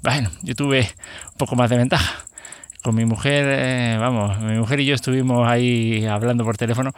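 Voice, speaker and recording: A man's voice: medium pitch, fairly even intonation, moderate pace, smooth, dry recording. Hesitant man with a Spain Spanish accent. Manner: hesitant, rambling, full of self-corrections. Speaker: podcast host. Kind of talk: casual solo podcast talk.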